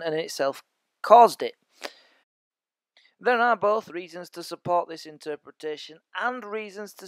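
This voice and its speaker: A man with a slightly high, fairly bright voice teaches a history lesson as an educational podcast lecture, chatting with his listeners and tossing them jokey asides. The recording has no echo.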